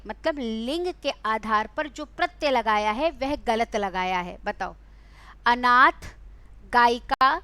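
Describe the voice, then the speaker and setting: A young Hindi teacher with a high, bright voice runs an online exam-prep class with no room sound. She quizzes students one question at a time, coaxing them with fond, teacherly warmth and calling them beta.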